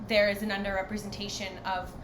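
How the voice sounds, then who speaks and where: A young woman co-hosts a casual podcast, speaking earnestly and thoughtfully. Her voice bounces around an echoey room, and clear background noise sits under it. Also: mid-range voice, little pitch movement, fast talker. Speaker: podcast co-host. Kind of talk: casual chat. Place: home, far from the other host.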